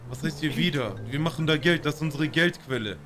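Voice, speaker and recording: A man's voice: on the high side, fast talker, music in the background. A man streaming a role-play live, talking in character in a brash, boastful, slangy way.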